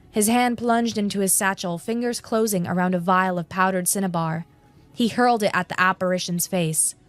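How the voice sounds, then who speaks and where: A woman narrating a fantasy story in a steady, measured, scripted style. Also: medium pitch.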